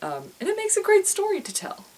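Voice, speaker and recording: A woman's voice: extremely high pitch, huge pitch swings, fairly quick, darkish tone, poor audio. A young woman, an author, talking casually to her viewers in a rambling way, often restarting and repeating words. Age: young adult. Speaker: author and vlogger. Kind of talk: casual chatty vlog.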